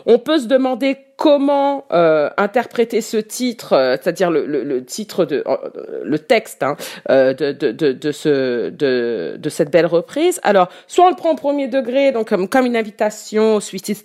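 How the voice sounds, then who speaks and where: A woman with an expressive, medium-pitched voice and darkish tone speaks at a moderate pace as a radio columnist featuring new German rock. Her casual delivery is hesitant, filled with fillers and restarts, and punctuated by easy laughter.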